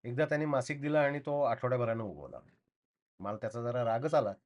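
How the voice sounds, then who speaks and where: A man reading a short story aloud in a calm, steady first-person narration. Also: medium pitch, brisk, highs cut off.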